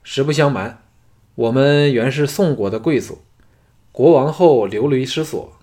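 A man's voice: medium pitch, a little slow, warm tone, close to an everyday voice. Male reader as exiled noble, humble, deferential, polite; storybook side figure. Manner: humble and apologetic.

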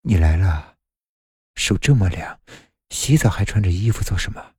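A man's voice: deep voice, lively intonation, normal speed, warm tone, breathy edge, no room sound, studio quality, full character voice. A man voicing a gaunt, lovesick young man in an audio horror story, speaking in an agitated, pleading way. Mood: dazed.

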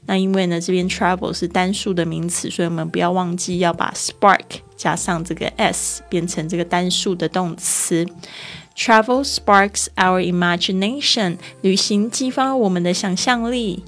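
Woman slowly spelling out English words. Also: on the low side, fairly even intonation, faint music behind. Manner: spells words letter by letter, slows down for English phrases. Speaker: English teacher. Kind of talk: explaining English vocabulary.

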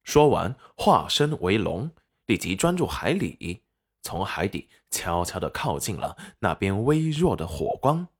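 Male audiobook narrator, low expressive voice. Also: measured pace, slightly rough. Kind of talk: serialized web novel narration.

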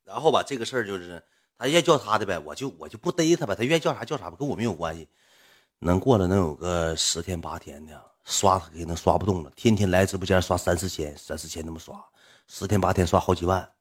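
A man's voice: low-pitched, fast talker, husky. A livestreamer man telling a rambling personal story in blunt, earthy slang. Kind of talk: casual storytelling.

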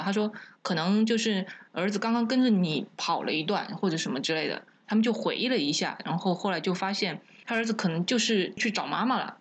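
A woman's voice: lowish voice, a little hiss or hum. A woman, co-hosting a podcast, telling stories in casual chat with laughs. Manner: chatty storytelling with laughs. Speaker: podcast co-host.

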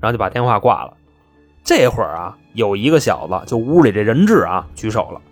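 A man's voice: lowish voice, very animated, fairly quick, slightly rough, faint music behind. A man telling a comic crime story as host, chatty, wry and colloquial.

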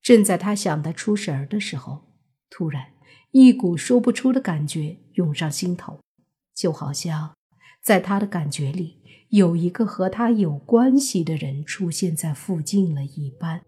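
A woman narrating a serialized suspense novel in a steady storytelling voice. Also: lowish voice, unhurried, husky. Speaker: audiobook narrator.

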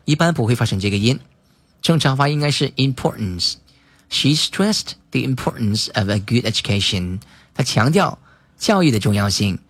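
Deliberate male English teacher, dry sound. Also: medium pitch, no room sound. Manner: slow, deliberate reading of example sentences, spelling words letter by letter. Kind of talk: bilingual language lesson.

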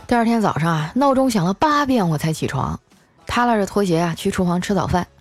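A woman hosting a show, telling comic stories about her life in a chatty way, with lots of drawn-out filler particles. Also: medium pitch, lively intonation, faint music behind. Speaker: host. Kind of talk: scripted comic storytelling.

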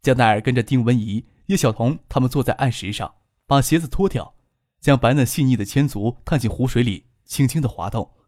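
Male audiobook narrator. Steady and unhurried, at a medium pitch. Dry studio sound. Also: dry recording.

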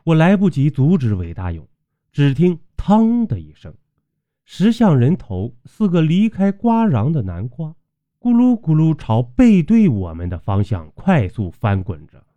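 A man's voice: huge pitch swings, a little slow, dark tone, no room sound. A man narrating a tomb-raiding audiobook in a dramatic, suspenseful storytelling voice, recorded with dull lo-fi sound. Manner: suspenseful storytelling with wide pitch swings.

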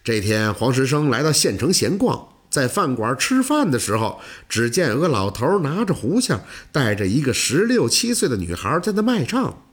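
A man's voice: medium pitch, big pitch swings, moderate pace, hardly any pauses, slightly rough. A man narrating a folk tale in a dramatic storytelling manner.

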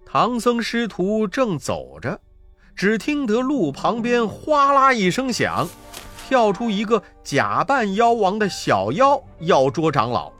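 A storyteller narrating a children's story in an expressive, measured way. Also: mid-range voice, faint music behind.

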